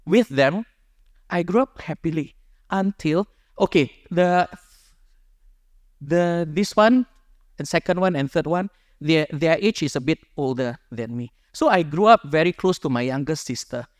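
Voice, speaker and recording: With a slightly high, animated voice at a measured pace, a friar from Indonesia recounts his personal story to a small group over a microphone. He's earnest and conversational and keeps rephrasing, and the audio is clean studio sound with no room sound.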